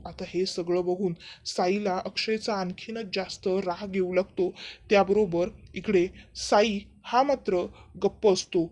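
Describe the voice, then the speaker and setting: A woman retelling a TV serial episode as a brisk running narration. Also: medium pitch, a little mellow.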